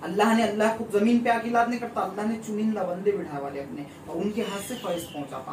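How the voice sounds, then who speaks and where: A faith healer with a high-pitched voice preaches a sermon, scolding and admonishing his listeners. The room is echoey, he sits far from the mic, and there's slight background noise.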